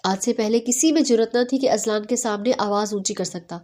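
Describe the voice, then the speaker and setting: Woman narrating a romance novel, mellow. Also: medium pitch. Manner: steady storytelling.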